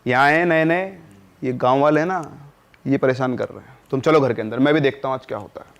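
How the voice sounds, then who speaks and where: A man's voice: mid-range voice, fairly quick, close to an everyday voice. Give me a man playing a stubborn father who scoffs at any talk of ghosts. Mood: dismissive. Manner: dismissive, scolding. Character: stubborn skeptical father, middle-aged man.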